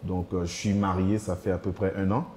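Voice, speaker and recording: A man in his thirties from Côte d'Ivoire introduces himself calmly on a talk show. His voice is very deep, mellow and quite flat, and he speaks in an orderly way. A faint background hum sits under it. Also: brisk. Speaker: guest.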